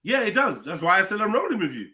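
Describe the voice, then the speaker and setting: A young man chatting excitedly and joking with slang, heard over a group voice chat on the internet. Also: sits high, quick pace, a crowd in the background. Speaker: panel member. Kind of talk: casual chat.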